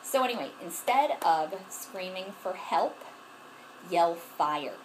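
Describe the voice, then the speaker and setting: A woman's voice: fairly low pitch, animated, takes it slowly, a little hiss or hum, rough recording. A woman giving self-defense tips to her camera at home in a frank, earnest way, often restarting herself. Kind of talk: casual instructional talk to camera. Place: at home, moving around in front of the camera. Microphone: camera mic, distance changing as she moves.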